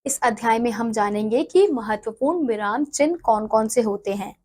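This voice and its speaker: A woman's voice: on the high side, animated, moderate pace, darkish tone. A woman teacher reading from a textbook and then explaining it in her own words, often going back to repeat or correct herself. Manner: self-correcting, repeats phrases.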